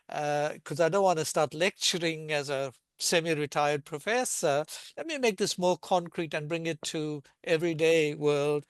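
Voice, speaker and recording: A semi-retired linguistics professor in his sixties from South Africa, speaking in a measured, reflective way with occasional hesitations as a panel guest. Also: a little high, smooth, no room sound. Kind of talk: thoughtful panel discussion.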